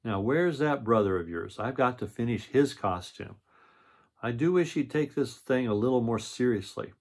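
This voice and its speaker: A man's voice: medium pitch, expressive, moderate pace, a little mellow. An older man with a grandpa voice reading the part of a reassuring, practical mother bear in a storybook, patient and advising.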